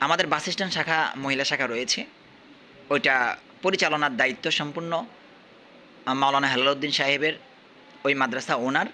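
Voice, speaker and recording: A man from Bangladesh teaching at a madrasa, quizzing his pupils and repeating questions while urging them to answer louder. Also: fairly high pitch, brisk, long pauses, a little hiss or hum. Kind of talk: classroom quizzing.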